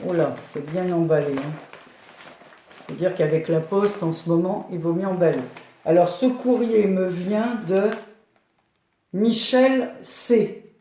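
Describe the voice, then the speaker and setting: A woman's voice: lowish voice, takes it slowly, long pauses, mellow, a little hiss or hum. An older woman chatting casually as she opens her mail for a scrapbooking video, rambling with fillers. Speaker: scrapbooking YouTuber. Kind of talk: casual chat while opening mail. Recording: echoey room.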